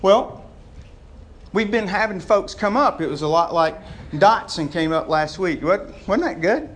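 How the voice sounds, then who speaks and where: A man's voice: high voice, a little slow, fairly bright tone, a little hiss or hum. A man preaching an informal, conversational sermon, folksy in his wording and often putting questions to his listeners. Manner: folksy, addresses listeners as gang, boys and y'all.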